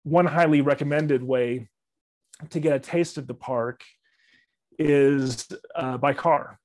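Slow and darkish in tone, a mid-range male voice delivers a library travel club slideshow talk over a video call webcam, with no room sound. The middle-aged presenter keeps it friendly and loosely worded. He often uses fillers and restarts himself.

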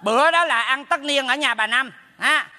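A man's voice: very high-pitched, bright, forceful tone, full character voice. A man playing a meddling neighbor in a stage comedy sketch, brash and teasing. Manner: brash, teasing, rapid scolding. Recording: stage hall with long reverb.

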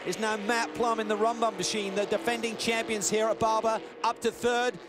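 A man doing excited play-by-play motorsport commentary, calling the action briskly. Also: over music. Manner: brisk, excited calls that rise in pitch at key moments. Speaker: lead race commentator.

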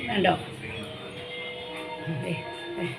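A woman, narrating a casual home vlog about her pet dog in a hushed voice and switching to sing-song baby talk when she speaks to him. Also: extremely slow, music in the background. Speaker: pet vlogger. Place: at home, indoors.

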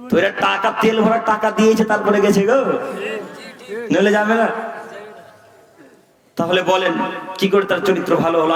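A man's voice: very high-pitched, fairly bright tone. A male preacher, delivering a sermon full of scolding rhetorical questions to his listeners. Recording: echoey hall recorded from far off.

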